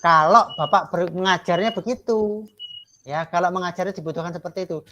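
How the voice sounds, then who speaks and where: A man gives a classroom lecture and feedback to trainee teachers. He keeps checking for agreement with short rhetorical questions. He slows down to stress the words that matter. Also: high-pitched, bright, forceful tone, dull audio.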